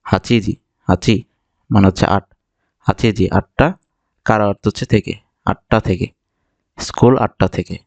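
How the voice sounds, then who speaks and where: A man from Bangladesh teaching vocabulary, explaining patiently and repeating each word slowly for learners. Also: lowish voice, darkish tone, no echo, lo-fi sound. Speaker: Japanese language teacher. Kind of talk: vocabulary lesson narration.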